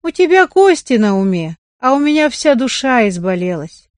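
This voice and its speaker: Woman playing a storybook carpenter, self-pitying drunk, whining and coaxing, lively pitch, dry sound. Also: moderate pace, no echo.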